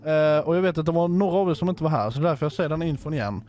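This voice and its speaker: A man's voice: on the high side, lively intonation, a little mellow, faint music behind. A man chatting casually in a group role-play game, rambling and repeating words as he explains what happened. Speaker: streamer playing a Minecraft roleplay server. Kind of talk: casual role-play chat with other players.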